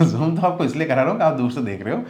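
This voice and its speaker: A man's voice: a little high, animated, rapid-fire, darkish tone, reverberant. A young man teaching a reasoning class, patiently repeating steps and quizzing his students.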